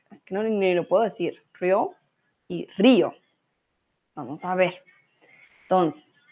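A woman's voice: mid-range voice, darkish tone, highs cut off. A Colombian woman teaching a live online Spanish lesson, patient and encouraging, dropping into English and German to explain.

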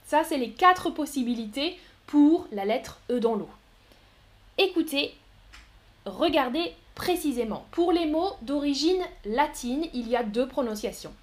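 A woman giving a live pronunciation lesson, speaking slowly and carefully, repeating each word and laughing softly now and then. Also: high voice, expressive. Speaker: French teacher.

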